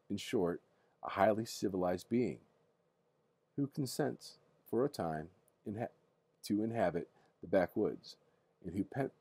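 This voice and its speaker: Husky, mellow older man reading aloud, grandpa voice. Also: sits low, no room sound. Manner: halting, stumbles over words and rereads. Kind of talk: casual bedtime read-aloud from a history book.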